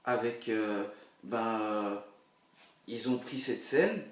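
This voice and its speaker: A young man reviewing a film casually, rambling with many fillers and bursts of excitement. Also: fairly low pitch, slow pace. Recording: roomy echo, a bit far from the mic.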